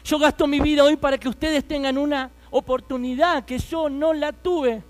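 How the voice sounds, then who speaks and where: A man's voice: very high voice, steady tone, normal speed. A man in his thirties with an Argentine accent, telling his life story as a fervent preaching testimony and speaking straight to his listeners. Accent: Argentine Spanish.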